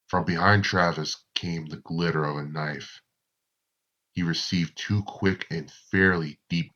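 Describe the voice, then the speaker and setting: Very deep-voiced slow horror narrator. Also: male voice, bright, forceful tone, dull audio. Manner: slow, deliberate storytelling. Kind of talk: scripted horror story narration.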